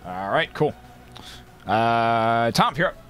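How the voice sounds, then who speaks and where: A man's voice: mid-range voice, big pitch swings, takes it slowly, fairly bright tone, soft background music. Man game master on voice chat. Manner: loose narration, many fillers. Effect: online group voice chat. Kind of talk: running a tabletop game.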